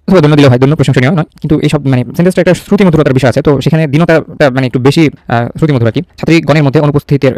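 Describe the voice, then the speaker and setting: Fast-talking teacher. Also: male voice, mid-range voice, darkish tone, dry recording. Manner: rapid, repetitive, thinking aloud with fillers and self-corrections. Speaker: exam-prep Bengali teacher. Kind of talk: casual spoken lesson on spelling corrections.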